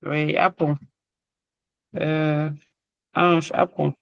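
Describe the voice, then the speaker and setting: A man in an online training session, slowly checking participants' answers one by one. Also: fairly high pitch, flat delivery, creaky, clean tone, no room sound, muffled recording.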